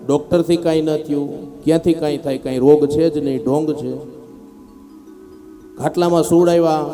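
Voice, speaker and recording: A man preaching a devotional sermon as a lively storyteller who acts out the characters in his parable. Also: on the high side. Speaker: scripture reciter.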